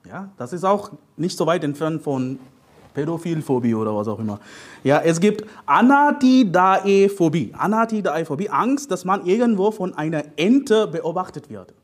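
Husky-voiced man preaching playfully. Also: on the high side, normal speed. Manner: playful, joking, animated sermon delivery with frequent "ja?". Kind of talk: sermon.

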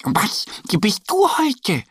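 A man voicing an excited little female duck dressed as a pirate in a children's storybook, with an eager, squeaky manner. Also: extremely slow, slightly rough, no echo, in a whisper, clean studio sound, exaggerated voice.

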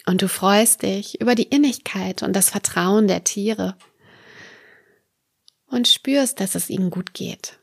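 A woman narrates a guided meditation at a slow, unhurried pace, placing short soothing phrases between pauses. Her mid-pitched voice has a creaky edge and gentle delivery, recorded dry and close without room sound. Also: no room sound. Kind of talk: guided meditation, a calm narrated dream journey.

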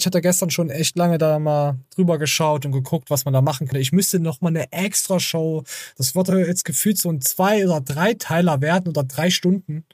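Male podcast host, crude and sarcastic, husky voice, dry close sound. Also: on the high side, darkish tone, dry recording. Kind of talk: casual podcast chat.

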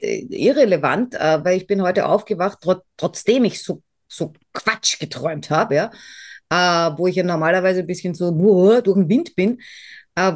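Rambling, self-mocking woman podcaster. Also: fairly low pitch. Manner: rambling, self-mocking, frequent fillers and restarts. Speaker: podcast co-host. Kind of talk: casual chat.

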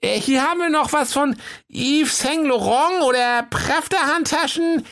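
A man voicing a cheeky, crooked shopkeeper with cocky sales patter in a very high, squeaky voice. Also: measured pace, a bit bright, full character voice. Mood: chummy.

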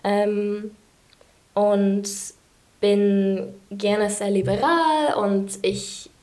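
A woman's voice: medium pitch, steady tone, drawn-out words, a little mellow. A woman in her twenties from England, a podcast guest talking frankly and openly with fillers. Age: 20s. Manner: open, frank, many fillers. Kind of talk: casual interview talk.

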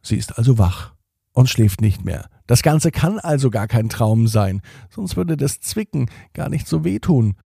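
Man, children's story narrator, gravelly, very dark voice, lively pitch. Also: no room sound, clean studio sound. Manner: slow, lively, expressive storytelling.

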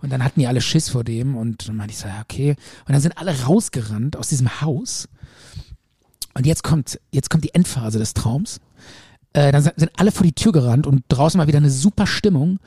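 A man's voice: medium pitch, brisk, slightly rough, no echo, clean studio sound. A man casually telling a long story on a podcast, rambling and acting out the quotes. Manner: animated, rambling, acts out quotes. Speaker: podcast co-host.

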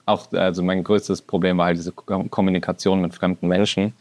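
A man in his twenties co-hosting a podcast, talking in a relaxed, colloquial way. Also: sits low, a little fast. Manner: relaxed, colloquial, often says "Junge". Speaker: podcast co-host. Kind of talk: casual podcast chat.

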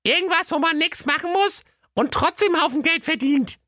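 A man's voice: normal speed, sharp tone, no room sound, studio quality. A man voicing a greedy, lazy, demanding wife who scolds her husband in a comic audio fairy tale. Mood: bossy. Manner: shrill, bossy, scolding.

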